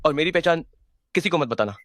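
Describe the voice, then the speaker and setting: A man's voice: fairly high pitch, animated, quick pace, close to an everyday voice. A man dubbing a young hidden war god who poses as a fool, cold and threatening in one moment and childish in the next. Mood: cold, menacing. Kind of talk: Hindi dub of a drama.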